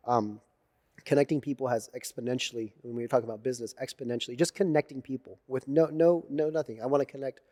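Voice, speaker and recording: A man telling animated stories as a guest in a casual interview, swearing freely and acting out what others said. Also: mid-range voice, fast talker. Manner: animated storyteller, swears freely, acts out quotes. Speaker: podcast guest.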